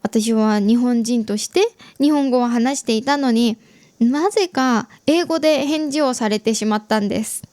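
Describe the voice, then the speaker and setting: A young adult Japanese woman hosting an easy-Japanese learning podcast, explaining gently and chatting with listeners. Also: fairly high pitch, moderate pace, dry recording. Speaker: podcast host teaching Japanese.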